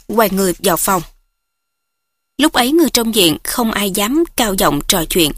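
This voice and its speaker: A woman's voice: medium pitch, no echo, studio quality. Woman narrating a martial arts audiobook.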